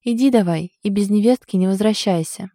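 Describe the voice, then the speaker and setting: A woman reading the part of an aunt who scolds her nephew with mock outrage but clear affection. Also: medium pitch, brisk, dark tone, dry recording, clean studio sound, lightly acted. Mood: fond scolding. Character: fussy fond older aunt, scolding yet loving.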